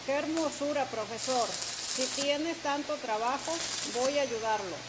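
Text-to-speech woman reading chat, slow, under loud shop noise. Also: high voice. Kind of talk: reading viewer comments aloud.

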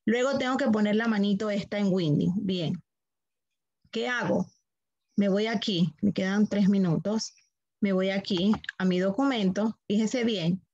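A woman's voice: medium pitch, measured pace, darkish tone, husky, dry recording, dull audio. A woman teaching a computer class online, walking students through steps patiently, repeating them and checking that they follow.

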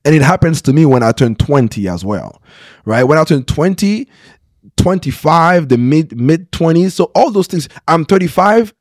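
A pastor in his thirties shares his own story candidly in an interview, sounding earnest, often restarting sentences and checking in with "right?". His fairly high voice has lively intonation and normal speed, captured dry on a close podcast mic in a small studio.

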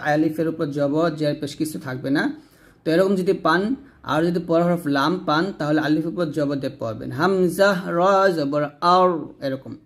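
A man teaching recitation, spelling out words letter by letter and drawing the syllables out, then explaining rules more briskly. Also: fairly high pitch. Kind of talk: slow spelled-out recitation lesson.

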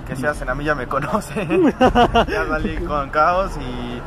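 A man's voice: fairly high pitch, sing-song, measured pace, crowd noise. A young man giving a casual vlog introduction as a guest, outdoors at night. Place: outdoors on city street at night. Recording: noisy outdoor street audio.

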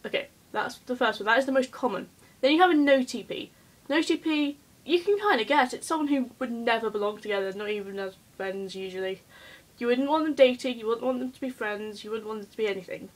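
Hyper, giggly woman vlogger with a highish voice. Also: a little fast, rough recording. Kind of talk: casual chatty vlog.

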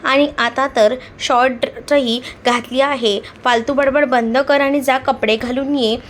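Brief: brusque, teasing young man in a storybook, read by a woman, high voice. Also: steady tone, measured pace, slight background noise.

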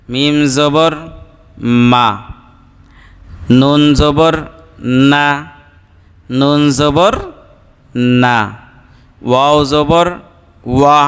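Slow, crisp male recitation teacher. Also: a little high, fairly bright tone. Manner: spells each letter and vowel slowly, then joins syllables. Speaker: Quran reading teacher. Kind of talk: slow drilled recitation lesson. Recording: long hall reverb.

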